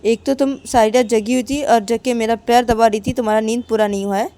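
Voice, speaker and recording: A woman's voice: a little high, fairly even intonation, quick pace, dark tone, close to an everyday voice. A woman voicing Ananya, a young woman who speaks curtly and sternly to her girlfriend in a told story. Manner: curt, stern.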